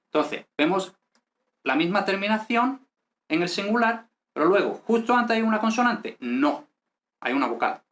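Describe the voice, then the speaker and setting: A man's voice: high-pitched, lively intonation, moderate pace, fairly bright tone. A man teaching an Italian grammar class in Spanish, explaining step by step and checking in often with his students. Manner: patient, repeats "¿vale?" to check understanding. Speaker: language teacher.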